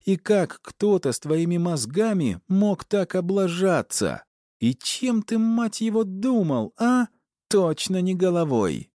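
A man doing a shrieking, cursing goddess wife, high and strained, dry close audiobook voice. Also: wildly swooping pitch, moderate pace, hardly any pauses, darkish tone, no room sound. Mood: raging. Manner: screaming insults, hissing sarcasm. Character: furious young goddess wife, shrill and cursing.

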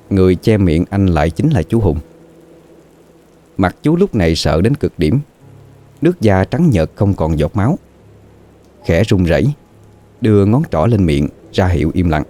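A man narrating a scripted horror story in a slow, dramatic, suspenseful way. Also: deep voice, dark tone.

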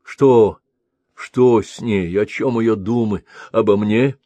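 A man's voice: on the low side, slow pace, dark tone, no room sound. A man reading a stern, gloomy young prince. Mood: troubled. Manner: curt, commanding.

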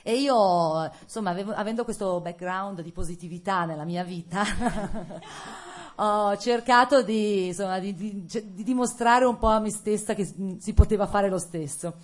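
A woman's voice: mid-range voice, expressive, normal speed. A middle-aged woman from Italy, an actress, telling her life story to students in a casual, hesitant way with many fillers and frequent laughter. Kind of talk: casual autobiographical talk to students. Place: lecture hall.

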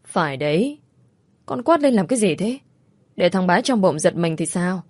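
A woman voicing a shrill, scolding older mother-in-law who shouts at her family. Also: big pitch swings, moderate pace, dry recording.

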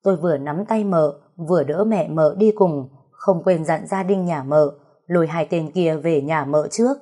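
Husky, low-voiced woman storyteller. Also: normal speed, warm tone. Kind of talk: first-person story narration.

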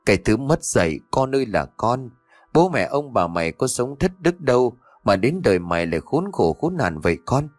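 A man's voice: mid-range voice, sing-song, moderate pace, no echo, faint music behind. A man voicing a distraught older village woman in an audio story, scolding and lamenting.

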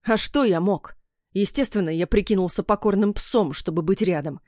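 A woman's voice: mid-range voice, moderate pace, a little mellow, no room sound, lightly acted. A woman reading an audiobook voices an angry, bitter young man who snarls and mocks in a dry recording. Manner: snarling, mocking. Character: menacing young male ex-fiancé, angry and bitter. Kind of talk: audiobook character voice.

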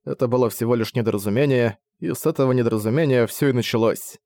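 A man narrating an audiobook in a steady, measured reading. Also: medium pitch, dry recording.

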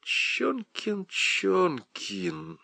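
A man's voice: mid-range voice, big pitch swings, normal speed, no echo. Male narrator voicing a mocking bureaucrat lieutenant; drawling, mock-official, dry close audio. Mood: smug.

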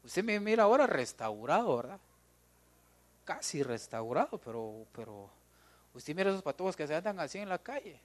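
A man preaching in a Guatemalan Spanish accent, his pitch leaping up and dropping low as he jokes with the congregation. His voice sits a bit high for a man, and he keeps calling his listeners brother. It is a lively church sermon. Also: normal speed. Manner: lively, joking, talks straight to the congregation.

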